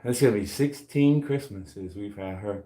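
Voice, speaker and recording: In a roomy, echoing home gym, a forties-aged man with a fairly low, warm voice talks at a moderate pace. He banters casually and jokes at his own expense while resting between weightlifting sets.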